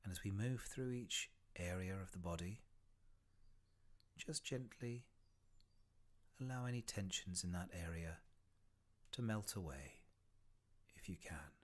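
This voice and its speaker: A man with a low-sitting voice guides a body scan meditation, yet his delivery is animated. He stays gentle and unhurried, pausing at length between short phrases whose endings are soft and breathy.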